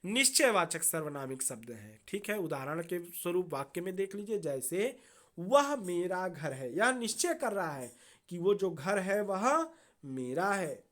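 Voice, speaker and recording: Slow, low-voiced woman teaching grammar. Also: very animated, fairly bright tone. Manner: slow, deliberate, repeats and checks with "thik hai". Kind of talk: classroom grammar lesson.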